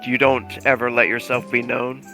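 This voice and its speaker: A man's voice: mid-range voice, little pitch movement, normal speed, bright, forceful tone, soft background music. A man narrating as game master of a tabletop role-playing game, telling it in a loose, rambling way with many fillers.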